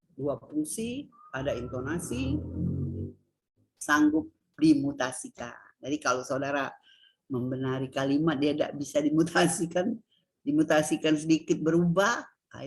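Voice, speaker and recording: A woman's voice: deep voice, expressive, normal speed, slightly rough. A middle-aged woman gives a university lecture, quizzing students and stressing key words with a rising voice. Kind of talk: classroom lecture on Indonesian grammar.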